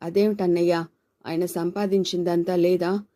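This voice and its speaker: A gentle young wife from a storybook, soft-spoken and plain, voiced by a woman reading aloud. Her warm, mellow tone stays modest and quiet. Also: lowish voice, flat delivery, moderate pace, natural voice.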